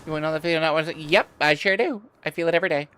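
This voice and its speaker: A woman's voice: low-pitched, racing, a bit bright, clean tone. A woman VTuber giving casual, playful and crude commentary on a game livestream, with theatrical asides. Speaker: VTuber streamer.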